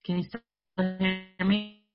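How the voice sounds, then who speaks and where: A woman's voice: mid-range voice, flat delivery, measured pace, lo-fi sound, over loud music. A woman checking in casually on a video call, her audio choppy and cutting in and out over an unstable connection. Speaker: coaching group member.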